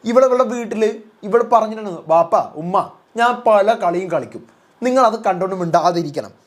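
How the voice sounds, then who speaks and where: A woman voicing an exasperated male housemate who complains loudly. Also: mid-range voice, lively intonation, a little fast, close to an everyday voice.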